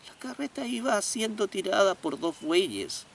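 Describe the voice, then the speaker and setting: A man preaching a comedic sermon in an animated, folksy, joking way. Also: high-pitched, a little slow, creaky, slightly rough.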